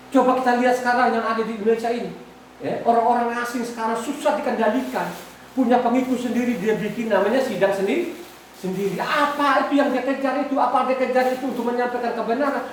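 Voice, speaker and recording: A woman preacher delivers an exhorting sermon, firing questions at her listeners and repeating key words. Her voice sits fairly high. She is heard from a distance in a very echoey room with a faint hiss behind her. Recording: echoey room, far from the mic.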